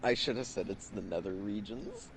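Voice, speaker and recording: A young man co-hosting a podcast, chatting casually and cracking crude jokes with quick quips. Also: on the low side, expressive, gravelly, a crowd in the background. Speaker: podcast co-host. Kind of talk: casual chat.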